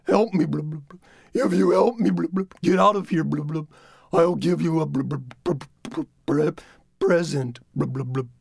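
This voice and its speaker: A storyteller voicing a boastful, greedy male coyote trickster who gloats loudly and cackles. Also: mid-range voice, expressive, slow pace, creaky, no room sound, studio quality, voice pushed up, heavily acted. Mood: gurgling. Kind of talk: oral storytelling.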